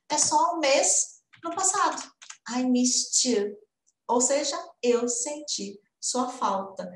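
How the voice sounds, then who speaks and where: A young adult woman with a Brazilian Portuguese accent, teaching an online English lesson in a lively way and slowly repeating example words. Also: sits high. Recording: roomy indoor echo.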